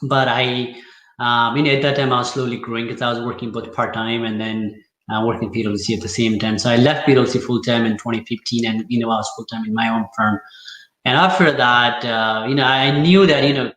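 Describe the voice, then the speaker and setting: A Nepali man appearing as a guest accountant talks casually in an interview, hesitating often and filling his speech with fillers and restarts. His medium-pitched voice is steady, fairly bright and a little fast. The audio is poor and echoey.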